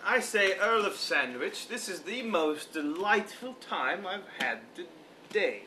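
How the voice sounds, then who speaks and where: A man's voice: sits high, animated, slow pace, sharp tone, slight background noise, exaggerated voice. A man playing an irritable, haughty duke who complains his way through a period comedy sketch. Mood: pleased.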